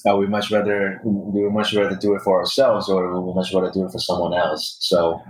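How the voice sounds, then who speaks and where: Low-voiced middle-aged man in an echoey recording. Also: completely flat delivery, a little fast. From Taiwan and the United States. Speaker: guest, chef and restaurant owner. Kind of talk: conversational interview answers. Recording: echoey, distorted remote podcast recording.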